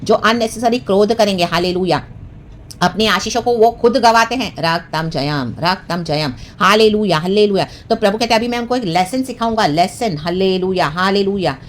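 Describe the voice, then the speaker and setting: A woman's voice: mid-range voice, normal speed, slight background noise. A woman preaching a devotional sermon, mixing English phrases and often repeating hallelujah and amen. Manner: fervent, peppered with hallelujah and amen.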